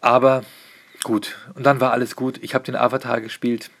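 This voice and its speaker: Man, comedian, animated storyteller with a mid-range voice who curses casually. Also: medium pitch, moderate pace. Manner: animated, swears casually, jumps into quoted dialogue. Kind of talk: casual comic anecdote.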